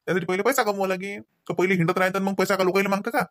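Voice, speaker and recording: A man's voice: high voice, fairly even intonation, natural voice. A man voicing a scolding cartoon husband. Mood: lecturing. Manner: nagging, lecturing, rapid scolding. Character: scolding husband Ravi, grown man, short-tempered. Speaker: voice actor. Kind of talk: cartoon voice acting.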